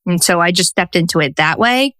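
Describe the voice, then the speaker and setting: Guest, woman, 40s, social worker turned coach; lively storyteller, lowish pitch, dry mic. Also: fairly quick, dry recording. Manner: animated storyteller who acts out quotes. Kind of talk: casual interview conversation.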